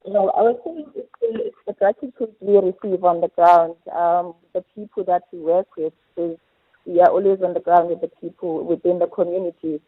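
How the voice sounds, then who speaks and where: A woman's voice: on the low side, husky, no echo. A woman speaks hesitantly on a speakerphone call into a radio show. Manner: hesitant, halting. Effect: over the phone, on speakerphone. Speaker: charity foundation team member. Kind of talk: radio phone-in interview. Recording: muffled, distant phone line.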